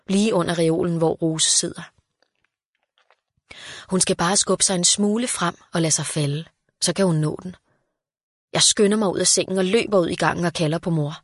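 A woman reads a children's story aloud in a calm, even voice. Her pitch sits low for a woman, and the recording is dry and close, with no room sound. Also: slightly rough, dry recording. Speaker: narrator.

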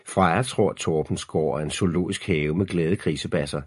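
A man reading an audiobook aloud in a measured, ominous storytelling manner. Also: low-pitched, a little mellow, breathy edge, no room sound, studio quality. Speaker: narrator. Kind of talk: scripted audiobook narration.

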